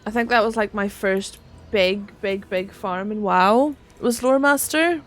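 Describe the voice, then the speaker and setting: Faint music plays behind this Northern Irish streamer as she talks a little slowly at medium pitch in her rural accent. Reading chat on her gaming livestream, she swears freely and laughs a lot.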